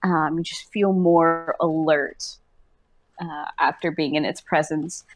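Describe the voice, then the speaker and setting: A woman narrating a tabletop game as game master, thinking aloud with hesitant pauses. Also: sits low, steady tone, no echo.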